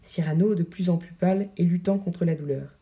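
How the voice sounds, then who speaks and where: A woman narrating an audiobook, reading a play's stage directions in a measured, even way. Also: fairly low pitch.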